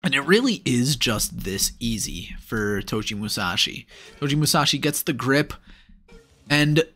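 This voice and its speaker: Man, casual play-by-play breakdown, analytical, upbeat, playful asides, mid-pitched voice, voice-over. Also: animated, unhurried, pushed and bright. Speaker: sumo commentator.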